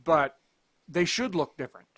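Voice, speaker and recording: A man's voice: a little high, lively intonation, a bit bright, no room sound. A man co-hosting a casual podcast, talking emphatically and joking around. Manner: emphatic, joking, quick to laugh. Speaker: podcast co-host. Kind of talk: casual chat.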